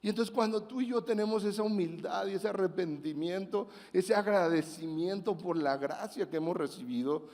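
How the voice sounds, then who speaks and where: Pastor guy, high voice, chatty sermon full of acted-out quotes, big hall echo. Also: normal speed, hardly any pauses. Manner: conversational, animated preaching with acted quotes.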